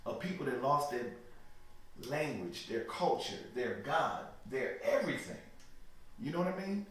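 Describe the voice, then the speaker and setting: A man with a medium-pitched voice and wide pitch swings talks at a normal speed. As an interview guest, he answers in a preachy, emphatic religious manner, often checking "you know what I mean." The recording sounds echoey, with the mic far away and a little background noise.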